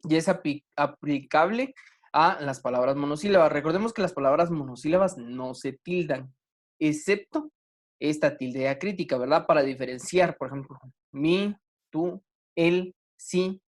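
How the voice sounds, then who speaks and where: A man teaching an online grammar class, talking slowly with many fillers and restarts. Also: on the high side.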